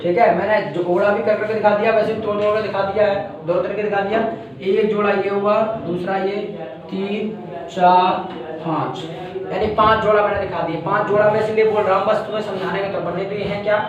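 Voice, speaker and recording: A man's voice: sits high, little pitch movement, fairly quick, highs cut off, a crowd in the background. An Indian man teaching a class, explaining step by step and repeating each point, checking that students follow. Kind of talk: classroom lecture. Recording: very echoey room from far off.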